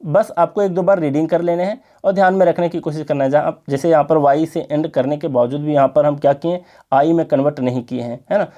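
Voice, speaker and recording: A man teaching an exam-prep English grammar lesson in Hindi, explaining slowly and checking in with his students. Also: a little high, steady tone, dark tone, highs cut off.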